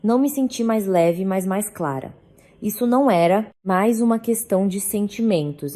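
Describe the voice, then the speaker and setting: A woman narrating a first-person family drama in a measured, even storytelling manner. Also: fairly low pitch.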